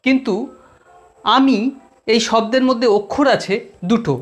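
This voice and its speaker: Speaking straight to the students, this Bengali grammar teacher runs an exam-prep lesson with deliberate delivery and keeps repeating the key terms. The voice is medium-pitched, with a West Bengal accent.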